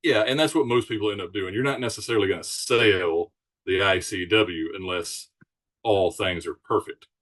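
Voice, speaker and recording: Man, lowish pitch, casual conversation, easygoing explainer. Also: normal speed, a bit bright. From Alabama Gulf Coast, United States. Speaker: podcast guest, charter sailboat captain.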